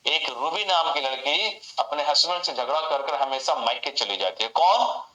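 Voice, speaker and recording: A man's voice: a little high, animated, moderate pace, pushed and bright. Man teaching mnemonics in an echoey room. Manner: repetitive, call-and-response mnemonics. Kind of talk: online class lesson. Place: home room.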